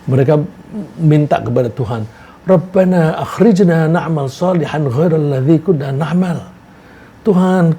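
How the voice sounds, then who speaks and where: A man giving a religious lecture, reciting Arabic verses and explaining them in a relaxed, conversational way with anecdotes. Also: on the high side, vocal fry, a little hiss or hum. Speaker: Islamic preacher.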